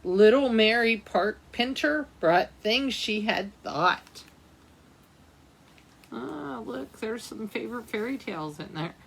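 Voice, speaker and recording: Reading to kids at storytime, this librarian keeps turning to her young audience with questions and little asides. She has a fairly high, creaky voice, animated and slow. There's a faint hiss or hum in the background.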